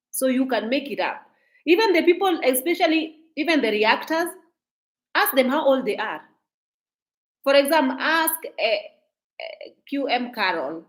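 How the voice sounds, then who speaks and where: A woman from Kenya with a Kenyan accent, giving casual, talkative commentary on celebrity gossip to her viewers, emphatic and repeating herself. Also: on the high side. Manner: mixes in Swahili phrases.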